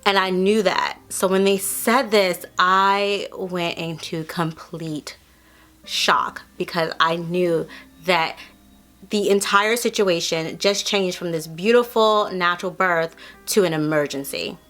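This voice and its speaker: A woman's voice: lowish voice, takes it slowly, fairly bright tone, soft background music. A woman in her thirties earnestly telling her own birth story in a casual vlog, acting out the voices of people she quotes.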